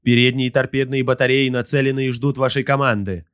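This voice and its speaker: A man's voice: mid-range voice, flat delivery, fairly quick, fairly bright tone, smooth, no room sound, studio quality, pitched above the performer's own voice, lightly acted. A man voicing a servile male bridge slave on a warship in an audiobook, reporting in clipped, formal phrases. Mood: urgent. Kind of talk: audiobook character voice.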